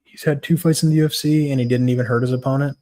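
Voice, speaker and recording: A man's voice: medium pitch, fairly even intonation, rapid-fire, mellow. A tired young man casually chatting on a livestream, giving fight picks, swearing now and then and greeting viewers by name. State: tired, yawning.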